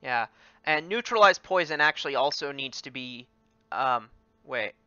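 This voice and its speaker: A man running a tabletop game as game master, halting with many ums and restarts. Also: medium pitch, animated, pushed and bright, clean tone, no room sound. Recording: dry, muffled voice chat.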